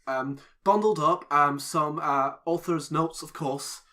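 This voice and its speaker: A man's voice: on the high side, slow, sharp tone. A man voicing a cheerful male candle maker who talks chattily with lots of fillers. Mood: friendly.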